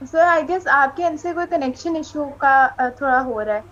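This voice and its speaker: A woman's voice: high-pitched, unhurried, fairly bright tone, lo-fi sound. A woman guest speaking politely and hesitantly over a bad call connection, her voice cutting out. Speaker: guest cricket analyst. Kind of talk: casual discussion on a remote call. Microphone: remote call.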